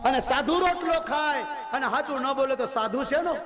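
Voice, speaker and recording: A man's voice: very high-pitched, normal speed, music in the background. A male preacher with a Gujarati accent, telling funny anecdotes and moral lessons in a chatty devotional sermon, laughing often. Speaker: Ram Katha preacher.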